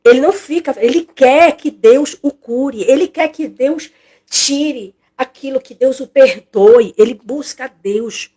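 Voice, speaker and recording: A woman's voice: high-pitched, unhurried, mellow, breathy edge. A woman teaching an expository Bible study in a conversational way, repeating phrases and acting out what people say.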